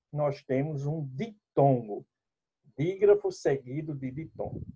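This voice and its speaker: A male teacher walks through his lesson at an unhurried, deliberate pace, turning to address his students directly as he explains each rule. His voice is slightly higher than most men's but mellow in tone. The recording is somewhat dull and lo-fi. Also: husky. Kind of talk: classroom lesson.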